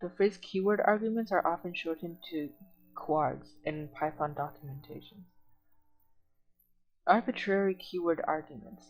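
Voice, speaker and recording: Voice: medium pitch, a little slow, rough recording. A tutor in an online coding lesson who reads documentation aloud and then explains it plainly, step by step.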